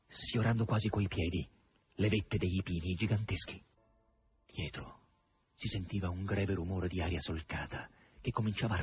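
A man narrating a novel with dramatic flair, his voice very husky and rough. His pitch rises and falls with lively movement from phrase to phrase. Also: no room sound. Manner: dramatic, lilting reading. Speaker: audiobook reader. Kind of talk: expressive literary narration.

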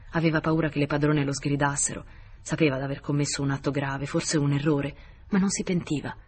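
Measured audiobook narrator. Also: mid-range voice, a little hiss or hum. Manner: measured, expressive literary narration. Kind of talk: audiobook reading of a novel.

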